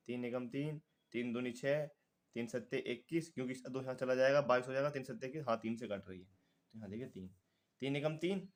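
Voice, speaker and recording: A man with a Hindi accent teaching a math lesson step by step, patiently talking through each calculation aloud. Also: medium pitch.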